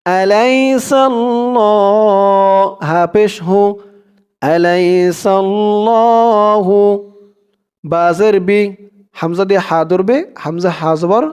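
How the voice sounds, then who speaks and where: A man with a Bangladeshi Bengali accent teaching Quran recitation, spelling out each letter and chanting the verses slowly between brisk explanations. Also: high voice, fairly even intonation, a little mellow.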